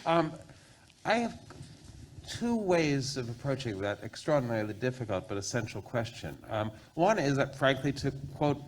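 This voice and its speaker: Masked male panelist, deliberate and scholarly. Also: mid-range voice, expressive, slight background noise. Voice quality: speaking through a face mask. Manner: deliberate, wordy, with self-corrections. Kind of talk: considered, scholarly panel remarks.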